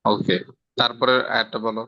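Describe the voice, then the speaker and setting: A man's voice: lowish voice, steady tone, normal speed, dry recording. A man with a Bangladeshi Bengali accent teaching Quran recitation rules, explaining step by step and quizzing his student with questions. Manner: explains step by step, checks for understanding with rhetorical questions. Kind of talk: patient tajweed lesson, quizzing a student. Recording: slightly dull, dry lo-fi sound.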